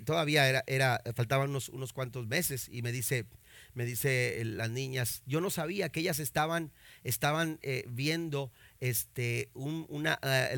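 Pastor, male, high bright voice, fervent sermon delivery with chatty restarts, dry close recording. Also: no room sound. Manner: preaching with rising fervor, many fillers and restarts.

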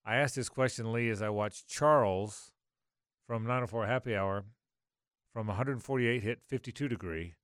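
A man's voice: lowish voice, moderate pace, a bit bright, no echo, studio quality. A man hosting live sports talk radio, emphatic and often repeating his phrases.

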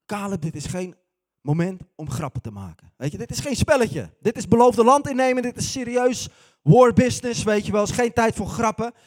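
A man's voice: fairly high pitch, brisk, mellow, no room sound, clean studio sound, lightly acted. A man voicing a confident biblical army leader in a sermon, with a brash and commanding manner. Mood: stern.

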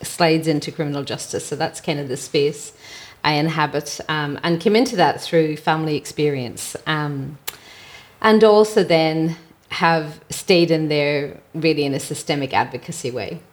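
A middle-aged or older Irish woman, a mental health advocate, appears as a podcast guest from her home, telling her own story in a conversational, reflective way. Her voice is low-pitched and her pace moderate.

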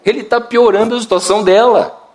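Brazilian pastor preaching, dramatic delivery. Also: male voice, sits high, fairly even intonation, a little fast. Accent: Brazilian Portuguese. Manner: dramatic storytelling, acts out quotes. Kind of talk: sermon.

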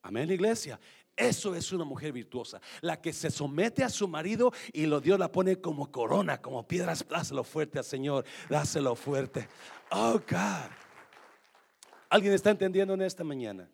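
A man's voice: on the high side, big pitch swings, normal speed, vocal fry, breathy edge. A man preaching a sermon, emphatic and calling out to the congregation. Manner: emphatic, addresses the congregation directly. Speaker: pastor.

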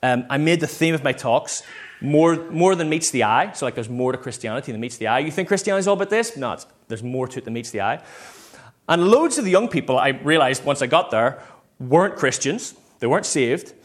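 A Northern Irish preacher, a man with a medium-pitched, lively, brisk voice, delivers an informal, conversational sermon. He fills it with personal stories, quotes himself, and acts out short bits of dialogue.

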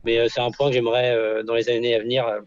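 A man's voice: medium pitch, little pitch movement, quick pace, smooth, dry recording, lo-fi sound. A young man, a harness racing driver, answering radio interview questions hesitantly with many fillers and restarts. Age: young adult.

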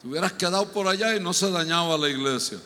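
A man preaching a humorous sermon, joking and animated, building up to loud exhortation. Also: high-pitched, quick pace. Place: church sanctuary. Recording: long hall reverb.

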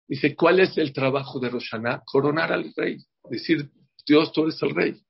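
A man's voice: fairly high pitch, normal speed, creaky, breathy edge. A man teaching a religious class to a group, emphatic and often checking in with "ok?". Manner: emphatic, checks in with "ok?", repeats words. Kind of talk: religious class before a holiday. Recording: dull lo-fi recording.

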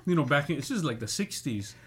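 A man's voice: fairly high pitch, quick pace, husky. Man telling stories with a laugh. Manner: laughing often, animated when acting out quotes. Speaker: musician guest. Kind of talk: casual storytelling chat.

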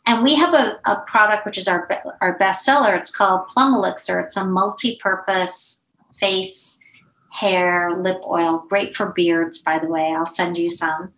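A middle-aged woman, a beauty brand founder, telling stories in a casual interview, animated and chatty with many asides. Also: lowish voice, unhurried. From United States. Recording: roomy echo.

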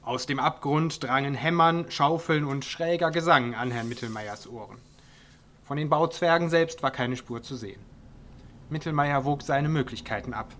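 A man's voice: mid-range voice, normal speed, fairly bright tone. A man reading his own comic story aloud in a dry, wry storytelling manner. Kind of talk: audiobook narration.

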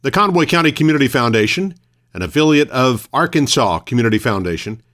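This is a male host reading local radio news with a fairly bright tone. He sounds formal and measured in a mid-range pitch, much like a scripted morning bulletin full of announcements.

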